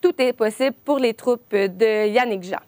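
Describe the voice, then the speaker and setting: A young woman reports on a hockey game for a news show. Her voice is fairly high and the sound is close and dry, with frequent pauses filled by hesitations. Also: darkish tone, dry recording. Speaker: sports reporter.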